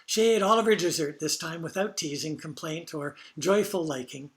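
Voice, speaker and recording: A man reading personal stories from care work as a reflection during a service, in a quiet, measured way. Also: a little high.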